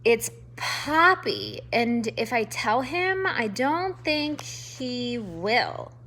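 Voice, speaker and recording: A woman voicing a small, frightened female mouse who speaks softly and pleads, in a storybook reading. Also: fairly high pitch, huge pitch swings, very slow, slight background noise, exaggerated voice. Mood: pleading. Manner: timid, soft, pleading. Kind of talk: storybook read-aloud.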